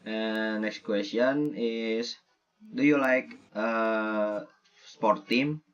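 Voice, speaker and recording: Indonesian uni student guy interviewing someone, slow, lots of uh, kinda muffled audio. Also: fairly low pitch, fairly even intonation, smooth. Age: young adult. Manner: halting, with many fillers. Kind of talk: casual interview for a class assignment.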